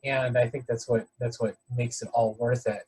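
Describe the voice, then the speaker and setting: Husky-voiced male interview host. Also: medium pitch, level tone, moderate pace, a little mellow, poor audio. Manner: upbeat and encouraging, many "you know" fillers. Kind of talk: casual interview chat.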